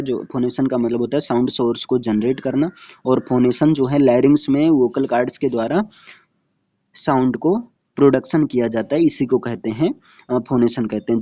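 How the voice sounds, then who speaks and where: Guy teaching a lecture off slides, mellow low-key voice, keeps asking if it's clear, dry muffled recording. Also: no room sound. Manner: checks in often with "clear hai?"; repeats definitions, slows down for English terms. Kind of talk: Hindi lecture walking through slides.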